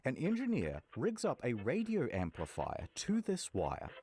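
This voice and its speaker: A man's voice: mid-range voice, wildly swooping pitch, unhurried, a little mellow. A man narrating a scripted documentary story in a wry storytelling manner.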